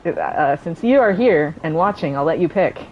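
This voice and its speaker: A woman streaming a game from her home setup, chatting in a rambling way and thinking out loud into a desk microphone. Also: low voice, expressive, moderate pace, lo-fi sound, a little hiss or hum. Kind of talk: casual chat while gaming.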